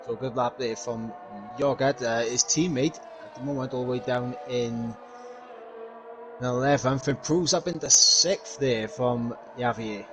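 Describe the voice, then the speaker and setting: A man in a mid-range voice co-commentates an esports race, offering measured strategy analysis broken by frequent hesitant pauses. Game music plays clearly beneath his voice. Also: medium pitch.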